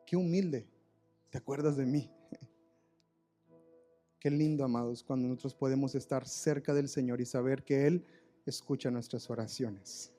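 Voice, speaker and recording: A man's voice: medium pitch, moderate pace, pauses often, warm tone, faint music behind. A man preaching a live church sermon, telling a story with emotion and often repeating words. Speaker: pastor. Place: church service, recorded live.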